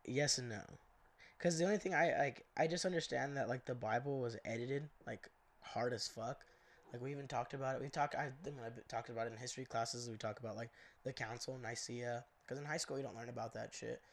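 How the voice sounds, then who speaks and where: A man's voice: mid-range voice, brisk, gravelly. A young man co-hosting a loose podcast, his voice congested. He rambles through his points with constant fillers and casual swearing. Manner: profane, rambling, lots of fillers. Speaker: co-host.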